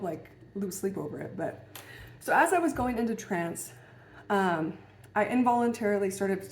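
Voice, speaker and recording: A woman's voice: lowish voice, darkish tone, a little hiss or hum. A woman telling a personal story in a casual, musing way, hesitant and full of fillers and restarts. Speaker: vlogger. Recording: roomy echo.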